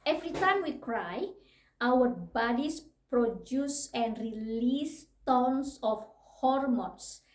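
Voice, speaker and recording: A woman reading a picture book aloud to a child, gentle and unhurried, with little asides and soft laughs. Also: a little high, animated, background noise. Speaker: storybook reader. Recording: roomy echo.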